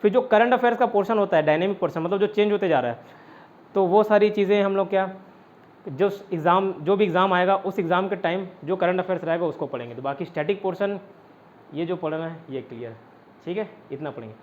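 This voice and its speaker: A man with a fairly high voice leads an online exam-prep class. He explains step by step and answers his own questions as he goes. The sound is dull and lo-fi. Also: fast talker. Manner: often adds "ठीक है" to check understanding. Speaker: teacher.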